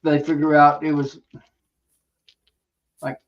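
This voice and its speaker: A man's voice: on the high side, completely flat delivery, slow. Folksy man on a dull lo-fi line. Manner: folksy, self-described hick, talks with mouth full. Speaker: beekeeper guest on live chat. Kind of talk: casual chat.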